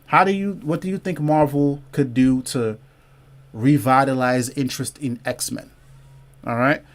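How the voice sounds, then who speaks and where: A comic book livestream host with a mid-range voice talks at a measured pace, casually addressing his chat. He reads out viewer comments, repeats phrases to make his point stick, uses "y'all" and "man," and invites viewers to comment below.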